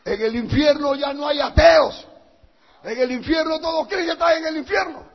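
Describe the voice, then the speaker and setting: A male pastor preaching a fiery sermon, swinging between shouting and hushed intensity. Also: extremely high pitch, moderate pace, some chatter behind. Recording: dull reverberant hall recording.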